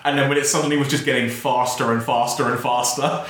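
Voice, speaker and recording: A man's voice: mid-range voice, steady tone, quick pace, a bit bright. A man hosting a casual podcast, recorded in a bare, very echoey room. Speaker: podcast host. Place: bare office room with desk and chairs.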